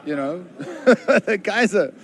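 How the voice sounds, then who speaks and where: A man with a fairly high voice co-commentates a live fight as the analyst. He talks informally and breaks down technique in halting phrases, with an audible crowd behind him. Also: animated, a little hiss or hum. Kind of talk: live colour commentary, conversational. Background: arena crowd.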